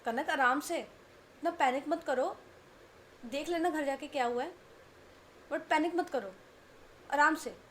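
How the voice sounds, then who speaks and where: A woman voicing a caring young woman who gently calms her panicked partner in a reassuring way. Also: high-pitched, measured pace, long pauses, a little hiss or hum. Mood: soothing. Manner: soothing, reassuring.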